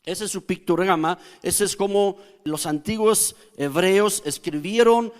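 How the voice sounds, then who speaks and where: A male pastor delivers a teaching sermon, his voice sitting fairly high for a man. He explains slowly and carefully, often turning to the congregation with a quick question. The sound carries a long reverb from the church hall around him.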